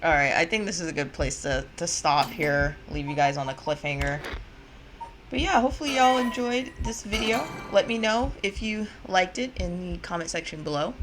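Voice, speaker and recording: A woman's voice: lowish voice, fairly bright tone, a little hiss or hum. A young woman playing a horror game on stream, commenting as she goes and reacting with shrieks and swearing. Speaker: gaming streamer. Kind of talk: let's-play commentary.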